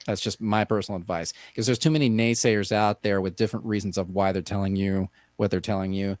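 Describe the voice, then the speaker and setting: A man's voice: lowish voice, steady tone, brisk, darkish tone, no echo. A man from Texas co-hosting a casual podcast, bantering and joking with his co-host. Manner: jokey, playful banter.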